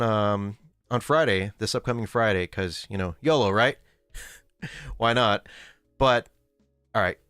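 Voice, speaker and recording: A livestream host with a lowish, fairly bright, smooth voice is heard in a dry, studio-quality recording with faint music behind him. Casual and rambling, he reads chat, corrects himself, and laughs often.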